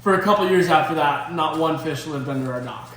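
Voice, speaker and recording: A young man chatting in a home kitchen, talking up the food with easy enthusiasm. His voice sits a little high, with a faint hiss of room noise underneath. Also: a little fast, a bit bright. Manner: upbeat, enthusiastic. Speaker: host. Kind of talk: casual cooking vlog chat.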